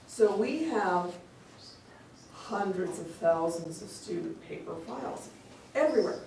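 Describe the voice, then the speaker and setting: A woman's voice: fairly low pitch, animated, a little slow, dark tone, slight background noise. A woman giving a frank, plain-spoken open meeting law training to a school board, joking as she goes. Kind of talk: conversational training session. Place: meeting room. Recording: echoey room, distant mic.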